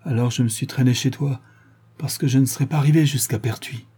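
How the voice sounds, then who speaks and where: A man's voice: mid-range voice, fairly even intonation, brisk, dark tone, slightly rough. A man voicing a wounded farmhand who sounds weak and shaken and pleads for help. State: weak and injured. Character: wounded, desperate male farmhand.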